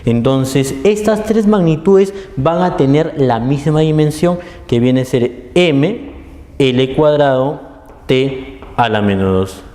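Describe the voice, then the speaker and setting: A man's voice: mid-range voice, warm tone. A man teaching a physics lesson, explaining step by step and often checking in with his listeners. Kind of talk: classroom lecture. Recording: echoey room with long reverb.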